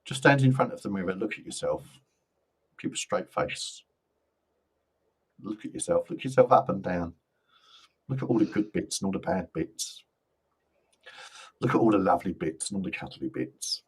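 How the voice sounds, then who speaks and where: A man doing live psychic card readings in a gentle, reassuring and jokey way. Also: deep voice, animated, normal speed, pauses often, husky. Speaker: psychic reader.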